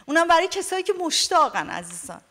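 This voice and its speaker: A woman's voice: extremely high pitch, big pitch swings, a bit bright, long reverb tail. A woman pastor giving an emotional sermon, telling a personal story and addressing the listeners fondly.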